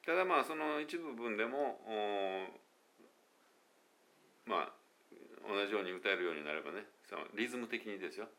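This man, a pronunciation coach in a casual monologue video, speaks Japanese with English phrases mixed in, correcting himself and laughing when he stumbles. His voice sits fairly low and sounds sharp and animated, at a normal speed with frequent pauses.

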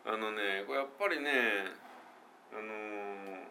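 A middle-aged man with a Kansai accent giving a relaxed spoken English pronunciation lesson, thinking aloud with fillers and slowly demonstrating English phrases. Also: fairly low pitch, creaky, slight background noise.

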